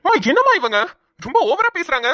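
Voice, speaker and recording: Indignant hot-tempered young man in a cartoon; high, bright, dry. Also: very animated, fast talker, dry recording, full character voice. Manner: indignant, scolding. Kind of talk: cartoon voice acting.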